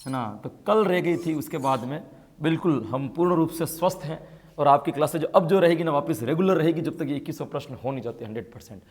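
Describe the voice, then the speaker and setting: A man from India leads an online test-prep lecture in a fairly high voice. He keeps asking the class questions and answering them, and his voice swells whenever he hits a key point. The room adds a long, lingering reverb. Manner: explains by asking and answering his own questions, with frequent tag questions; grows louder and more emphatic when stressing key points. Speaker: exam-prep teacher.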